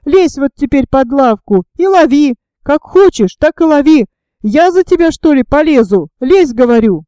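A woman reading an audiobook, voicing a flustered female train conductor who scolds in a shrill, tearful voice. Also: lively intonation, a little slow, warm tone, dry recording. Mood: shrill scolding.

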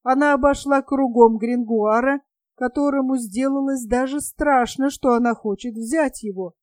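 Brief: woman narrator, high voice, measured expressive audiobook reading, dry close sound. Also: no echo. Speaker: audiobook reader. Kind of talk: audiobook narration of a classic novel.

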